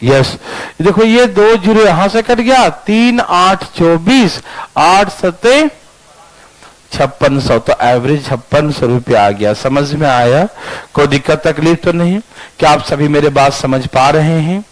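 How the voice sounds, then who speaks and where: A man's voice: fairly high pitch, a little slow, rough recording. A male teacher working through math problems aloud, repeating each step and often checking that students understand, slipping English phrases into his explanation. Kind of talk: classroom math lesson.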